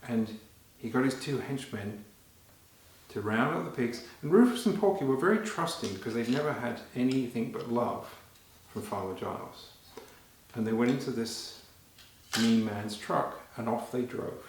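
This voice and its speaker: A man performing a story live for children, animated and talking to them directly, halting and repeating phrases as he goes. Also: mid-range voice, slight background noise. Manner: animated, addressing children with questions. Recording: very echoey, reverberant room.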